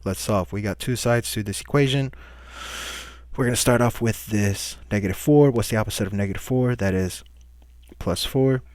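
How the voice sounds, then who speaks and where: Patient low-voiced man teaching math. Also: moderate pace, a little mellow, no echo. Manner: patient, step-by-step questioning, asks and answers himself. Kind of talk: recorded math lesson walkthrough.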